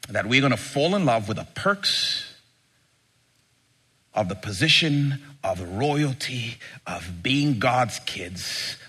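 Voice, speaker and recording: Husky guy preaching hard like a rally speech, bright forceful voice, swings way up and down. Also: medium pitch. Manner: emphatic, rhetorical questions, dramatic swings from hushed to shouting. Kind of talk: impassioned sermon, rally speech delivery.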